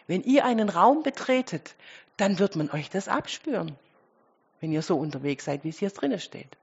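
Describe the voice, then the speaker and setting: A woman preaching a sermon, speaking straight to her congregation with rhetorical questions and moving between loud emphasis and quiet asides. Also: medium pitch, sing-song, moderate pace, gravelly, husky, highs cut off.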